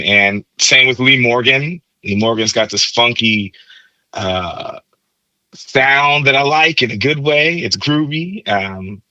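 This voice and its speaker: His voice is medium in pitch, pushed and bright, heard in a dry, low-quality recording. As a guest on a podcast, the trumpet player explains jazz tone and technique like a teacher, leaning on repetition for emphasis.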